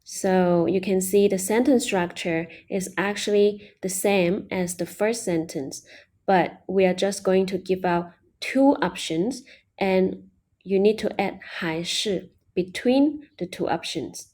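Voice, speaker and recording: A woman leads an online language lesson at an unhurried pace. Her voice is soft and mellow, and she patiently explains each step. She slowly models every example phrase. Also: mid-range voice. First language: Mandarin Chinese. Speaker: Chinese language teacher.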